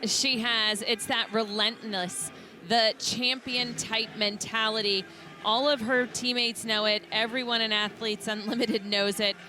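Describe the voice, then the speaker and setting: A woman giving color commentary on a live lacrosse broadcast, with energetic analysis. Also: a little high, a little slow, a little hiss or hum.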